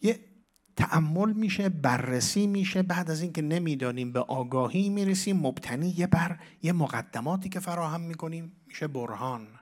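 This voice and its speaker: A man's voice: on the high side, lively intonation. Man teaching scripture, repeating words. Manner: explanatory, repeats words for emphasis, asks the audience rhetorical questions. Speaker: Quran teacher. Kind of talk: religious lecture on scripture.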